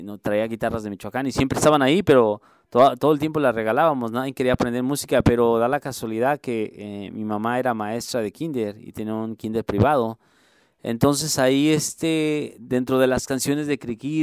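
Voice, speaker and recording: A middle-aged man from Mexico City with a capital-city Mexican accent, a musician and music instructor speaking earnestly in a radio interview, halting with many fillers and restarts. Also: mid-range voice, a little mellow, clean tone, no echo, clean studio sound. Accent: Mexico City Spanish.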